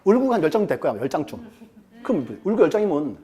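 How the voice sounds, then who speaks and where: Animated, mellow-voiced male lecturer. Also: a little high, quick pace. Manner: chatty, asks the class questions and acts out quotes. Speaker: real estate law lecturer. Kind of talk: classroom lecture with storytelling.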